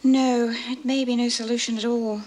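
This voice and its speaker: An actress with an Australian accent playing a caring, measured woman prison governor in a television drama. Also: on the high side, little pitch movement, darkish tone, slight background noise, lightly acted, rough recording. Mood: worried. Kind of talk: 1970s TV drama acting.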